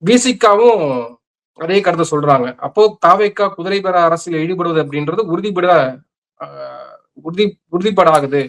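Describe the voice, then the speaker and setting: A man interviewing a political guest, setting up his questions in a measured, hesitant way with filler sounds. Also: high-pitched, creaky, a bit bright.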